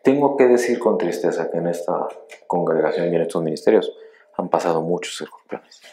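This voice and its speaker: A middle-aged pastor with a low-pitched, animated voice preaches a sermon at a brisk pace. His storytelling is emphatic, swinging between loud rises and quiet drops.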